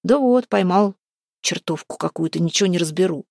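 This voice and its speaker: A woman voicing a rough young village man who speaks brusquely and growls orders. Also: lowish voice, expressive, fairly quick, a little mellow, dry recording, studio quality.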